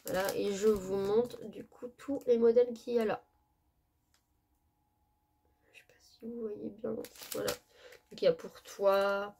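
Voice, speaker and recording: Woman vlogger, casual craft haul, chatty and self-correcting, average pitch, slight background noise. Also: darkish tone. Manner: chatty, loses her words, self-correcting.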